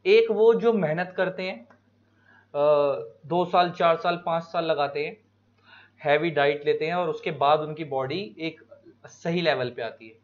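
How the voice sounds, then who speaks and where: An Indian man lecturing students, explaining each point slowly with examples and stretching key words. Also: fairly high pitch. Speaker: teacher. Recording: dull lo-fi recording.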